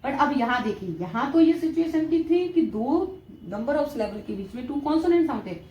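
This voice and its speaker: A woman's voice: high-pitched, expressive, normal speed, warm tone, dull audio. A young woman teaching with an Indian accent, explaining step by step and checking with frequent questions. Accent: Indian English. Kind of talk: classroom-style English lesson. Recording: echoey room, faint background noise.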